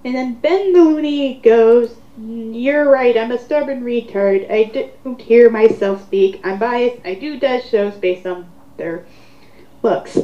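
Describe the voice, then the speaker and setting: Hosting a dramatic reading, a woman reads online comments aloud slowly in a slightly high voice, sarcastic and theatrical, adding mocking commentary. The home recording sounds roomy and muffled.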